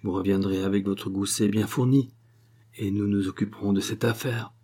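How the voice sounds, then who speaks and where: A man's voice: on the low side, fairly even intonation, moderate pace, warm tone, slightly rough. A man voicing a scheming foreign woman spy, brazen and wheedling.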